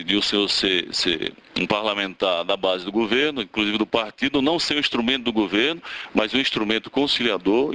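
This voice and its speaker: A man's voice: fairly low pitch, pushed and bright, low-quality recording. A man giving courteous, formal remarks at a public hearing, with some hesitations. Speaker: hearing participant.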